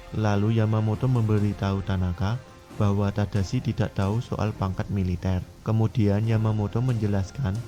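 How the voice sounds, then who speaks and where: Man, scripted recap narration, monotone delivery, dark soft timbre. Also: on the low side. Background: music.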